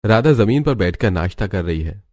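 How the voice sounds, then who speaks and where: A man narrating a cartoon story in a plain, even scripted manner. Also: fairly low pitch, normal speed.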